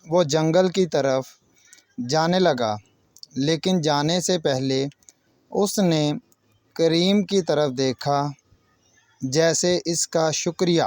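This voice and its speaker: A children's storyteller and channel host tells a moral tale with no echo, his voice fairly high. Like a teacher, he addresses young listeners directly in short, separated phrases.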